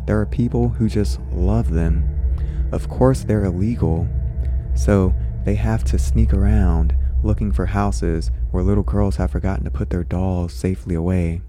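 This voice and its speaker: A man's voice: low voice, steady tone, a little slow, mellow, soft background music. A man reading the part of a teasing father who tells tall tales. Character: teasing dad, deadpan.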